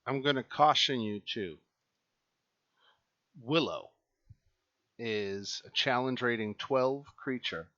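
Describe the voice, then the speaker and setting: A man running an online tabletop game as dungeon master, laying out the rules in slow, measured explanations with fillers. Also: medium pitch, bright, forceful tone, muffled recording.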